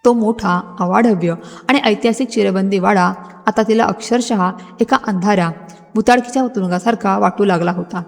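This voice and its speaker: A woman narrating a scripted, dramatic story in a steady storytelling manner. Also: medium pitch, moderate pace, gravelly. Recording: music bed, long hall reverb.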